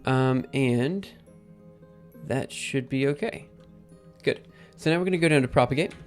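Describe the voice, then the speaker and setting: A man hosting a live coding stream, thinking aloud in a halting, casual way with many ums. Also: mid-range voice, faint music behind. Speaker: livestream host.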